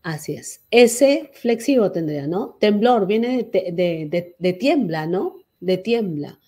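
A woman's voice: medium pitch, expressive, slow, warm tone. A middle-aged woman teaching an online class, chatty and teasing with her students. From Peru. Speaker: language teacher.

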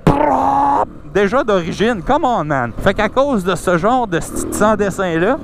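A man's voice: sits high, animated, unhurried, gravelly. A man with a Québécois French accent, talking casually to camera while riding a dirt bike on a forest trail, swearing often and asking rhetorical questions. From Quebec. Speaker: motovlogger. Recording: loud engine and wind noise.

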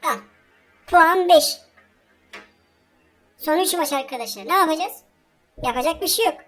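A woman streaming a football match lets her high voice soar and sink as she talks to her audience. She rants and groans loudly at every miss, always addressing the viewers directly. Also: expressive, a little slow, soft background music. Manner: talks straight to viewers, over and over. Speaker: gaming channel host. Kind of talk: casual let's-play commentary.

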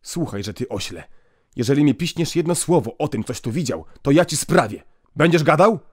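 A man doing a stern, gruff priest. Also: medium pitch, normal speed, no echo, studio quality, natural voice. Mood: scolding. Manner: calm, cold and firm, gruff when scolding. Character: stern, strong, gruff male priest prefect.

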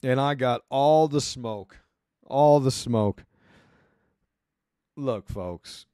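A male podcast host riffs casually on his own, wandering from point to point and dropping sarcastic asides. His voice sits at an ordinary middle pitch for a man. The recording is close and completely dry. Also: very slow, warm tone, clear, resonant tone, no echo. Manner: wry, rambling, sarcastic asides. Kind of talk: casual solo commentary.

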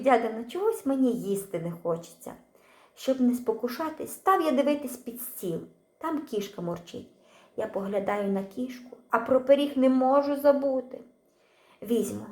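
A woman reading a children's story aloud, acting out the characters with an expressive voice. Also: fairly high pitch, reverberant.

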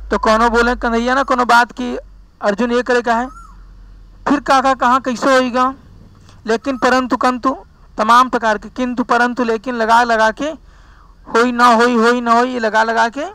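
A man teaches grammar in a chatty, folksy way. His voice sits very high and sounds bright and forceful, and it is recorded close and dry with no room sound. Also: clean tone, dry recording, low-quality recording. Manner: chatty, folksy, drifts into dialect asides. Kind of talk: classroom lesson.

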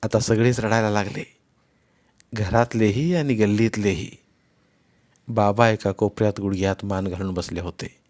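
A man reading a novel aloud in the first person, expressive and voicing each character himself. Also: on the low side. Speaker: audiobook narrator.

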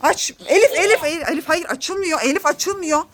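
A woman's voice: very high voice, brisk. A woman filming a family vlog outdoors in a garden, coaxing and scolding her children and laughing often.

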